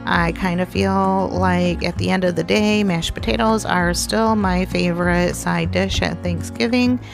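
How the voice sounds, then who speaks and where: Woman, cooking vlog host, casual narration, slightly low voice, chatty, music bed. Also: fairly even intonation, unhurried, vocal fry. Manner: chatty and homey, with small laughs and restarts. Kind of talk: casual cook-along narration. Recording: music playing underneath.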